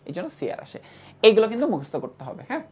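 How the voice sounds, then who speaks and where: A woman's voice: mid-range voice, big pitch swings, quick pace, breathy edge. A woman teaching a chemistry lesson who repeats key terms and keeps checking that students follow. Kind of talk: classroom lecture.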